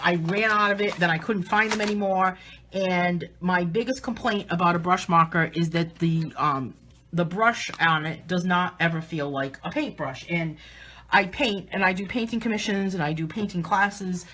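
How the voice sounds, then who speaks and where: Hosting a live coloring demo, this artist and livestreamer talks casually in a Southern New England accent. Her voice is lowish with a fairly bright tone, and her manner is chatty and upbeat, full of restarts.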